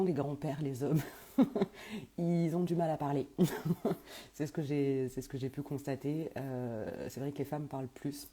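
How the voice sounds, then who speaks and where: A woman speaks in a soft, dark, somewhat husky voice, answering viewers' questions as a medium on a casual live stream. She talks hesitantly, stacking fillers and restarting phrases as she goes. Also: extremely low pitch. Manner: hesitant, many fillers and restarts, laughs often.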